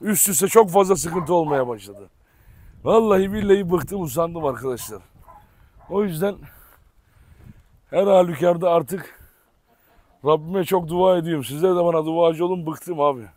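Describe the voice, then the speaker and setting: A man's voice: on the high side, normal speed, long pauses, a little mellow, dry recording. A man talking frankly and wearily to his viewers in a casual vlog, outdoors in a yard full of dogs. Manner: weary, frank, speaks straight to viewers. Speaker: vlogger and dog keeper.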